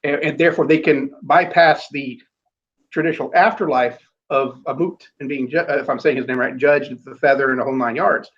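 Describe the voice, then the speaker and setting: A man's voice: mid-range voice, fairly even intonation, a little fast, a bit bright. A man talking in a casual conversation, rambling with many restarts and fillers and blunt, casual swearing. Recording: dull lo-fi audio.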